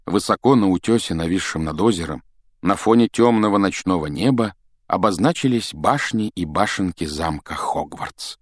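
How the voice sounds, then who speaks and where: A man reading an audiobook aloud with expressive, dramatic storytelling on a close mic. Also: low voice, moderate pace, no echo. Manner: dramatic storytelling, voices characters. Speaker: audiobook narrator.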